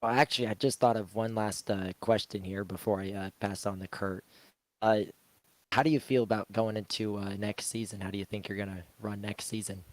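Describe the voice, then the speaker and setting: A man's voice: on the low side, fairly even intonation, a little fast, no room sound, poor audio. A man with a sick voice, co-hosting a race broadcast and asking rambling questions.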